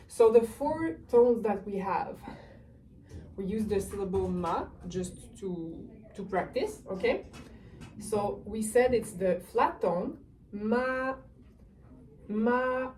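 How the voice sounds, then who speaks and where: Woman teacher going real slow and patient, demoing sounds, mic a bit far off with faint room hum. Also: mid-range voice, mellow. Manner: patient, explains step by step, models sounds. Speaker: language teacher. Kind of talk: online language lesson.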